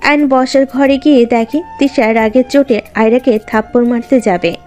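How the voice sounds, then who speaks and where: Mellow-voiced woman narrating a story. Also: on the high side, moderate pace, lo-fi sound, faint music behind.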